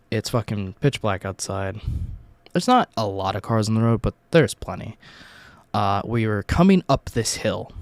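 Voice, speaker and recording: A young American man with a fairly low voice, recorded dry and close. He is hungover and talks like a casual vlogger, rambling through a personal story with plenty of swearing. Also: no room sound. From Virginia, United States. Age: young adult. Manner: rambling, profanity-laden, informal. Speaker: YouTube host telling life stories.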